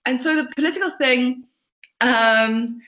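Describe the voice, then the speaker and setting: Guesting on a podcast, a young company founder talks at length, passionate, chatty, and outspoken. Her voice sits high and comes out pushed and bright at a measured pace, though the recording is muffled and the room echoey.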